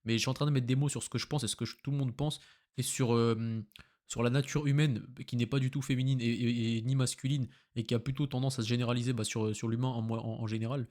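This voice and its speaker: A man's voice: medium pitch, fairly even intonation, fast, darkish tone. A young man from France rambling in a casual monologue, slangy and full of fillers. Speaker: content creator.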